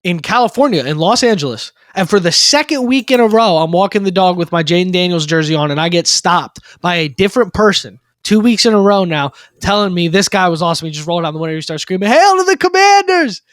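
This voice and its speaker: A young man in his twenties co-hosts a sports podcast, his voice pitched high and recorded close and dry. He talks in eager bursts and hammers his points home by repeating them. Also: fast talker, few pauses, dry recording. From Maryland, USA. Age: 20s. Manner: excited, emphatic, repeats phrases for effect. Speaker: co-host. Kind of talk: sports talk podcast chat.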